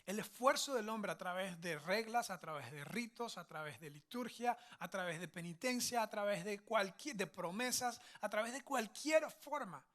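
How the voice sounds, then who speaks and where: A man's voice: high-pitched, expressive, normal speed, hardly any pauses, fairly bright tone. A man, a pastor, giving a conversational sermon with family stories, often checking in with his listeners. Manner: chatty, checks in with "verdad?" and "ok?"; anecdotal, family storytelling.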